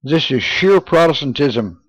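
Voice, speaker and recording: A man's voice: on the high side, lively intonation, a little slow, no echo, poor audio. A man voicing a stern, contemptuous older bishop who scolds haughtily, recorded dry.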